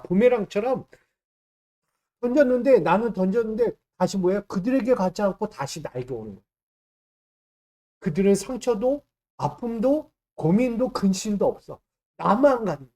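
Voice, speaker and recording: Male pastor, high voice, emphatic sermon delivery with rhetorical questions. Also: expressive, normal speed, long pauses, mellow.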